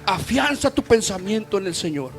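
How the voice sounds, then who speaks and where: High-voiced man preaching with dramatic swings. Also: sing-song, moderate pace, vocal fry, faint music behind. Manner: dramatic preaching, swinging from loud urging to hushed near-whispers; addresses listeners as "hermano". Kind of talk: sermon.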